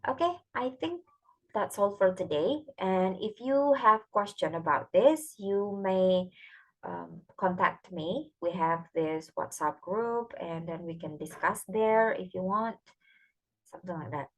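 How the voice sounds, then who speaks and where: A woman lecturer with an Indonesian accent, talking students through an assignment in a relaxed, chatty recorded lecture and switching between two languages. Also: medium pitch, takes it slowly, rough recording. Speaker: English lecturer.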